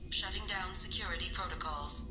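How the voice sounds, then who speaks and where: A woman voicing a stern female station security AI that gives cold, flat announcements in a game. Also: fairly low pitch, a little fast, close to an everyday voice. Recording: roomy game audio with music. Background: game music.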